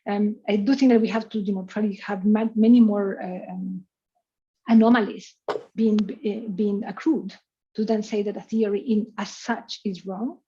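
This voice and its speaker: Answering questions after her online lecture, this invited speaker from Chile is talkative and laughs a lot, peppering her speech with "you know" and "like". She has a warm, medium-pitched voice with fairly even intonation at normal speed. The video-call audio is muffled, with a little hiss or hum.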